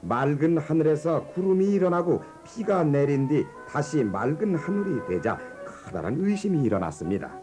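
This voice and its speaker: A man narrating a children's animated biography in a gentle, measured storytelling manner. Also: a little high. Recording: narration over background music.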